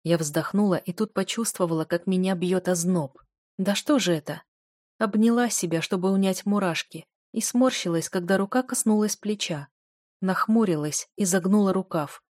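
A woman reading first-person fiction aloud as an audiobook narrator, in a steady, measured storytelling manner. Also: medium pitch, dry recording, studio quality.

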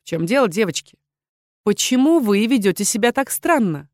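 A woman's voice: medium pitch, sing-song, moderate pace, a little mellow, no echo, studio quality, lightly acted. A woman reading an audiobook, voicing a nervous, prim young woman student who fires off anxious questions. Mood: puzzled. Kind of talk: audiobook character voice.

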